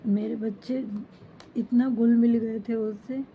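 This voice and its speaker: A woman's voice: fairly high pitch, steady tone, takes it slowly, slight background noise. Grieving mother in a dull home recording. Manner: grieving, speaks in short broken phrases. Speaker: mother mourning a pet. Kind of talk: emotional personal account to camera.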